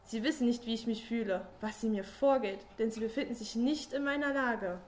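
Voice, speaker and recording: A woman with a fairly high voice reads a dark first-person story aloud. Her delivery is slow and solemn, with long pauses between phrases. A faint hiss runs under the recording. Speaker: narrator.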